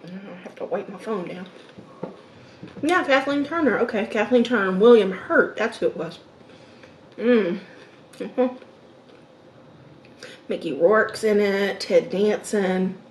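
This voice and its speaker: A woman's voice: mid-range voice, expressive, distant mic. A woman in her fifties chatting casually to viewers while she eats, musing aloud between mouthfuls and murmured mms. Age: 50s. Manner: eating while talking, with mm sounds and pauses. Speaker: mukbang host. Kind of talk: casual mukbang chat to viewers. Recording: roomy echo, background noise.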